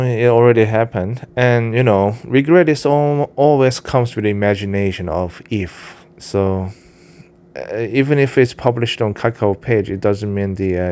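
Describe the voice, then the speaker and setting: His voice is mid-range and somewhat dark: a Korean-accented vlogger and self-published writer, using English as a second language, who rambles on to his cat in a candid, casual monologue. He often uses fillers and restarts his sentences.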